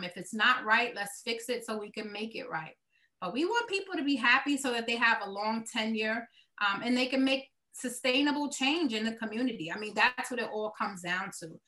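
Bright-voiced woman with a Brooklyn accent. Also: fairly high pitch. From Brooklyn, New York, United States. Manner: earnest, emphatic, repeats words for emphasis. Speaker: nonprofit executive, interview guest. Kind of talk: conversational interview answers.

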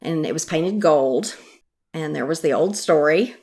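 An older woman with a slightly low voice reminisces in a careful, measured way. She talks like a longtime guide in an interview, recorded in an attic. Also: darkish tone. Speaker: longtime historic house guide being interviewed. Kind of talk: conversational reminiscence. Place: in an attic room of an old house.

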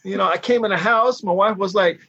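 A man co-hosting a casual chat, telling a story in an animated way, acting out the voices he quotes and swearing often. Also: brisk, breathy edge, highs cut off. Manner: animated, acts out quotes with big pitch jumps, swears often.

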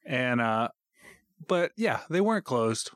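Co-hosting a podcast, this thirties-aged man keeps the casual chat loose, joking, rambling and interrupting himself often. He speaks slowly in a sing-song, medium-pitched voice with a fairly bright tone. It's a dry, clean studio recording made on a podcast recorder.

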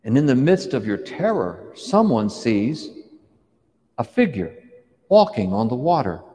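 A preacher retells a scripture story as dramatic sermon storytelling, vividly and in the second person, pulling the listener into the scene. His mid-range voice is mellow, very animated, and a little slow, trailed by long reverb.

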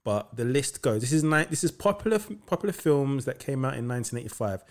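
A man's voice: medium pitch, lively intonation, fast talker. Upbeat man hosting a podcast. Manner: upbeat, rattling off lists. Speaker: podcast host. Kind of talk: casual conversation.

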